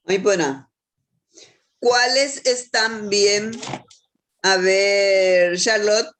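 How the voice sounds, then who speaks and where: A woman's voice: medium pitch, very slow, a bit bright. A woman teaching a language class, quizzing pupils and praising their answers. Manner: asks questions and praises answers. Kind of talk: classroom instruction.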